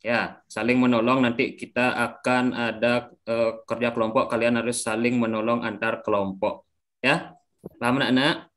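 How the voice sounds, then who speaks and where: A man's voice: medium pitch, level tone, normal speed, a bit bright. A young man with an Indonesian accent teaching a class in an upbeat, coaxing way, often checking in with the pupils.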